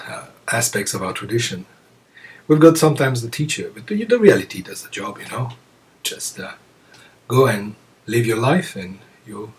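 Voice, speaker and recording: A man giving a reflective Zen teaching talk to students, musing aloud with many pauses and soft chuckles. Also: lowish voice. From France. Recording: voice picked up from a distance.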